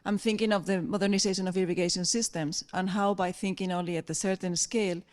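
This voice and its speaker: A woman in the audience at a conference, asking a polite, measured question with a few pauses. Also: lowish voice, steady tone, darkish tone.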